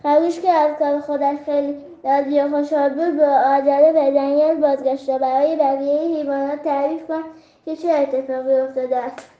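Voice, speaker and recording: A woman reading a fable aloud to children in a gentle storybook manner. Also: sits high, level tone. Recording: roomy, slightly dull recording.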